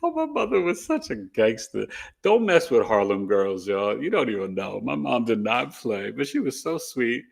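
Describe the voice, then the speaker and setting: A man hosting an astrology livestream, chatting casually and telling animated stories with frequent laughter. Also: mid-range voice, normal speed, creaky. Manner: animated storyteller, laughs often.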